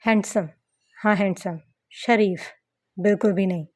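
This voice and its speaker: A woman voicing a sharp-tongued, haughty young bride with a sarcastic manner. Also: medium pitch, fairly even intonation, a little slow, lightly acted.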